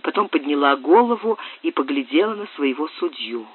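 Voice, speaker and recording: Guy reading an old novel, kinda high voice, tinny phone-ish audio. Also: brisk, husky. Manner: steady literary reading. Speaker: audiobook narrator. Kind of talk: scripted narration.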